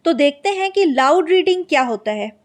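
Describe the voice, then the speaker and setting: A woman teaches a lesson for exam prep. She reads out lines from her notes at a slow, careful pace, then explains them in Hindi. She keeps asking herself questions and answering them. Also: high voice, lively intonation.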